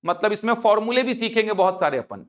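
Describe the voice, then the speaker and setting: A male coaching teacher, explaining a syllabus in a classroom-lecture manner. His voice sits notably high for a man. He keeps pausing to ask whether students are following. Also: lively intonation.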